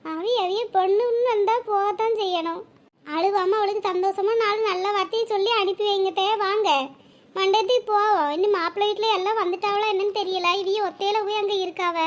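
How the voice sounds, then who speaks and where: A woman's voice: very high-pitched, steady tone, fairly quick. A woman voicing a kind, reassuring young married woman in a cartoon, speaking in a firm, comforting way. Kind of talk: cartoon voice acting.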